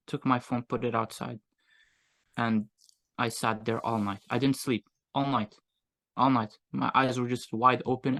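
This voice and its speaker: Gravelly flat-voiced Moroccan-accented man. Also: medium pitch. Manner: reflective, casual slang. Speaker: guest, agency owner. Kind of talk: candid interview storytelling.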